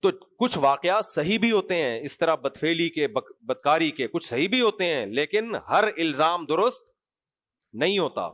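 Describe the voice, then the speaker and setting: A man who is a mufti giving Quran commentary, speaking in an animated, conversational sermon style with sarcastic asides. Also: fairly high pitch, dry recording.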